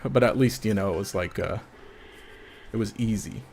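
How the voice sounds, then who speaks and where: A man's voice: lowish voice, moderate pace, vocal fry, a little mellow, a little hiss or hum. A man casually commenting on his own gameplay during a live stream, rambling, laughing often and trailing off mid-sentence.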